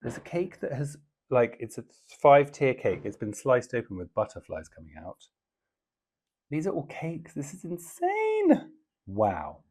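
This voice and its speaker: Chatty man hosting a podcast. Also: fairly low pitch. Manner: chatty, enthusiastic, animated. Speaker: podcast host. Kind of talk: casual chat reading listener mail.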